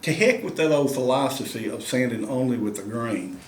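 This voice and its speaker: Expressive and medium in pitch, the man talks at a normal speed through his demonstration on looking after turkey pot calls, folksy and drawling, with plenty of "y'all" aimed at viewers. He makes and teaches turkey calls; the sound is reverberant with slight background noise.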